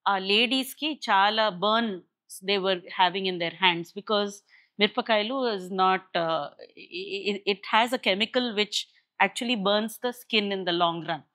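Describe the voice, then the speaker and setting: Woman, Telugu Indian accent, Tenglish mix, unhurried pace, bright forceful tone, explanatory interview guest. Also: mid-range voice. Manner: explanatory, with English phrases dropped into Telugu sentences. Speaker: guest explaining a maker center's projects.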